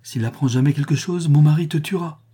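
A proud, passionate young woman, voiced by a male reader, speaks in a lifted, strained tone from a storybook reading. Her husky, mellow voice pushes louder and higher as she pleads and insists. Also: fairly quick. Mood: vehement. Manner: impassioned, raised and forceful.

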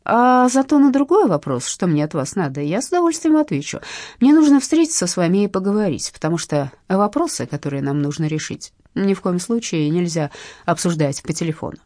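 A woman's voice: on the low side, big pitch swings, fairly quick, a little mellow, no echo, studio quality. A woman voicing an elderly, courteous male blackmailer who speaks in a ceremonious, politely menacing way, in an audiobook. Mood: smoothly menacing. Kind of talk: audiobook narration.

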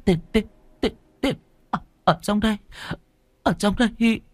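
A man voicing a terrified woman who stammers in a shrill falsetto. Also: a little slow, no echo.

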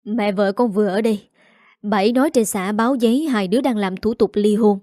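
A woman's voice: medium pitch, fairly quick, mellow, dry recording, clean studio sound, natural voice. A woman voicing a bossy, nagging older rural mother-in-law. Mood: curious.

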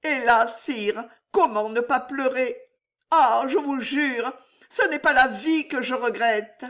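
A woman's voice: high voice, slow, a bit bright, pitched above the performer's own voice. A woman reading an audiobook, voicing a passionate, tearful young woman pleading with a king. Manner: pleading, emotional, breathy at times.

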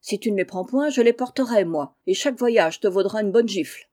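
A woman voicing a quarrelsome old peasant husband who shouts in rustic speech. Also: mid-range voice, brisk, lightly acted. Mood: angry shouting.

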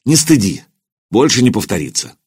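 A man voicing a gruff older centurion who bellows his orders. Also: on the low side, sing-song, moderate pace, a little mellow, dry recording, clean studio sound.

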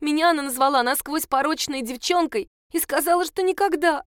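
A woman voicing an imaginative, excitable girl who talks in a breathless, theatrical, gushing way. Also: high voice, fairly quick, no echo, clean studio sound, pitched above the performer's own voice, lightly acted. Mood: sobbing, aggrieved.

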